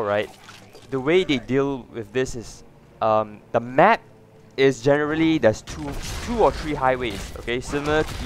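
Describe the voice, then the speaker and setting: A man's voice: medium pitch, a little hiss or hum. A man hosting a casual gaming video, chatting loosely with lots of fillers and restarts. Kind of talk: casual gameplay commentary.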